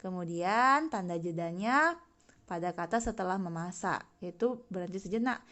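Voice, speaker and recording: A woman's voice: lowish voice, lively intonation, moderate pace, a bit bright. A young woman teaching an online lesson to children, cheerfully asking questions and answering them herself. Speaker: religious school teacher.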